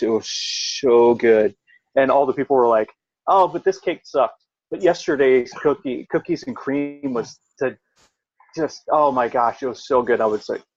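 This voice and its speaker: A middle-aged man, a veteran, telling a long personal story in casual chat, rambling and jumping up in pitch when he quotes himself. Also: no room sound, dull audio. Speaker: podcast co-host, veteran.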